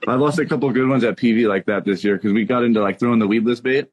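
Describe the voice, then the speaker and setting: A man's voice: medium pitch, fast talker. A man who runs a fishing boat, chatting casually in a laid-back way and chiming in with short agreements. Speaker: boat captain. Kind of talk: casual chat.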